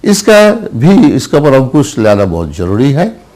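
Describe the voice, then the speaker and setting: An older man, a senior journalist, answering interview questions slowly, with pauses, restarts and repeated words. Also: mid-range voice, huge pitch swings, darkish tone. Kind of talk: interview answers, recalled anecdotes.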